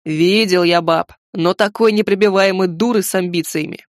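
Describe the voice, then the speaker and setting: A woman's voice: lowish voice, normal speed, no room sound, clean studio sound, lightly acted. A woman reading aloud, voicing a boastful, grumbling bearded wizard man of about fifty who speaks with sarcasm. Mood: scornful.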